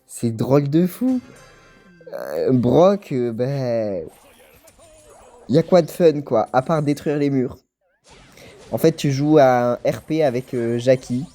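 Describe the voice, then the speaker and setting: A man chatting casually over his gameplay in a relaxed, mellow voice. He rambles, trips over his words and repeats himself as he talks. The pitch sits in a middling range for a man. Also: takes it slowly, long pauses, faint music behind. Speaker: gaming channel host.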